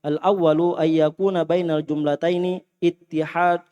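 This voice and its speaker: A man reading a textbook passage aloud in a steady recitation. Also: on the high side, clean tone, in a large hall, muffled recording. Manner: flat, quick recitation of a textbook.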